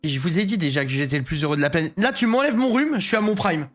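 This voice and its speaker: A man's voice: fairly high pitch, animated, rapid-fire, fairly bright tone, soft background music. A man streaming live, chatting casually and joking while he has a cold. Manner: joking, laughs often, swears casually. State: has a cold, stuffy and sick.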